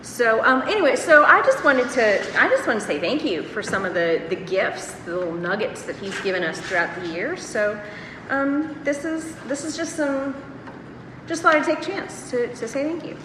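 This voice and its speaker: A woman's voice: on the high side, animated, normal speed, background noise. A woman co-hosting a satirical comedy chat, talking in a sarcastic, mock-sincere way. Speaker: podcast co-host. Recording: roomy reverb with loud music behind.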